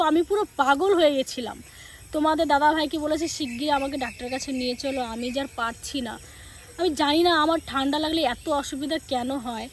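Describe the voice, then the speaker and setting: A high-pitched woman chats to her viewers while walking home through a village, with a phone in her hand. She has a sore throat and coughs, and she acts out her family's lines as she talks. Crickets and insects chirp faintly behind her. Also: a little hiss or hum. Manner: chatty, speaks straight to viewers and acts out family dialogue. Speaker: village lifestyle vlogger.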